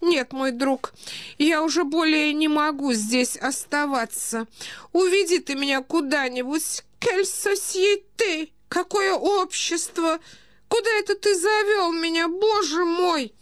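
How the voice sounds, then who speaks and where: A woman voicing a forgetful, fussy old male prince who talks in meandering, plaintive, drawn-out phrases. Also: very high voice, no room sound, studio quality, pitched above the performer's own voice.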